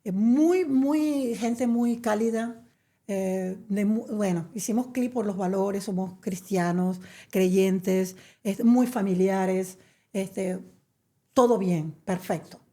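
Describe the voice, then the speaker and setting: A woman's voice: mid-range voice, slow pace, warm tone. A middle-aged woman from Venezuela, telling her story as a guest in a chatty interview, with many fillers. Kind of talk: conversational interview.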